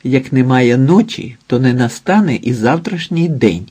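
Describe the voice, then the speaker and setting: A man's voice: mid-range voice, lively intonation, unhurried, a little mellow, husky. A man voicing a stubborn young red-haired woman, a witch who keeps insisting, in an audiobook. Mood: insistent. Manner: urgent, pushy.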